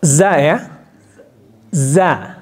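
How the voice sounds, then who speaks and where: A man teaching Quran pronunciation in a mosque hall, demonstrating letter sounds slowly and counting the class in before each repetition. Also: fairly high pitch. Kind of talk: tajwid pronunciation lesson in a mosque study circle.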